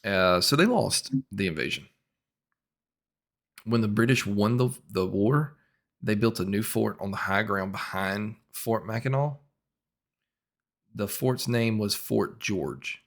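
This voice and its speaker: A man co-hosting a podcast, reading out history from notes, spelling names letter by letter and trailing off quietly at sentence ends. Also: lowish voice, slow, long pauses. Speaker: podcast co-host. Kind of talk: casual podcast chat.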